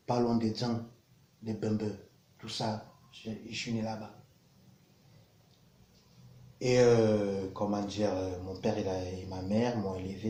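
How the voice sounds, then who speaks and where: A man in his thirties speaks in a low, mellow voice that stays level, earnest and halting, often repeating words. The recording sounds roomy, with a soft hum of background noise. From Cameroon. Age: 30s. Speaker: vlogger sharing his testimony. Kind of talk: prayer and personal testimony.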